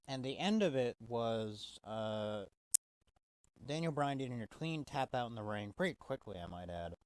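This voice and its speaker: A man's voice: medium pitch, lively intonation, moderate pace. A man giving a casual, swear-heavy wrestling review, exasperated and full of restarts. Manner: profane, exasperated, stumbling restarts.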